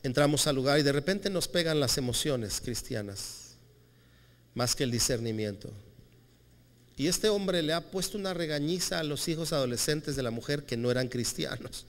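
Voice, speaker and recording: Man, pastor, lively storytelling sermon, fairly high voice, long hall reverb. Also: moderate pace. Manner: animated storytelling, acting out quotes.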